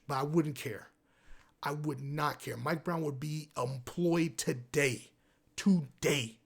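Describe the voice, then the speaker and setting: A man giving a heated, profane rant in basketball commentary, repeating himself for emphasis. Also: mid-range voice. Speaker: sports commentator.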